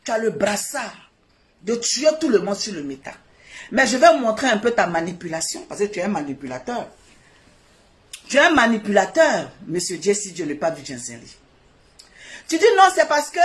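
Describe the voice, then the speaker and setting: A woman on a live stream, scolding and mocking a rival in a heated, repetitive rant. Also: fairly high pitch.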